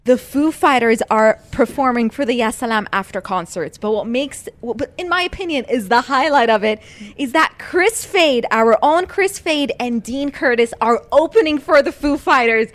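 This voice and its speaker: Brief: female radio presenter, high lively voice, excitable. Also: moderate pace, no room sound. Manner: excited, apologetic. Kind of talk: radio banter and on-air presenting.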